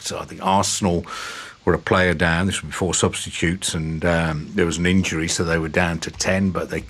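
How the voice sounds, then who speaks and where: Low-voiced male radio host. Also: a bit bright, slightly rough. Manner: conversational, restarting questions. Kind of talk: interview hosting.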